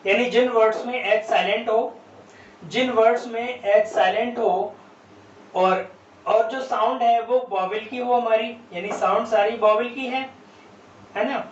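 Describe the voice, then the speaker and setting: A male teacher walks through a grammar lesson, spelling out words letter by letter and answering his own questions. His voice sits high, and it comes from some distance off the mic in an echoey room. The sound is dull and lo-fi, with a faint hiss behind it. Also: steady tone, unhurried. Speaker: English teacher.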